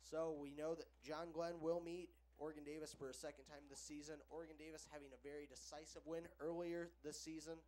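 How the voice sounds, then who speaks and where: High-pitched young male color man reading game stats for a school broadcast. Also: level tone, a little mellow. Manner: reads stats slowly with pauses, casual opinions. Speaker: color commentator. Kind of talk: local sports broadcast commentary. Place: school gymnasium broadcast table.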